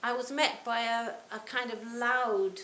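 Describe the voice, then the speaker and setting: A woman in her sixties giving a reflective Buddhist talk to a retreat audience, her phrases often trailing off softly. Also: on the high side, steady tone, unhurried. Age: 60s. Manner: reflective, warm storytelling with soft trailing phrase ends. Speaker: Buddhist teacher. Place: retreat hall. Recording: roomy hall, faint hiss.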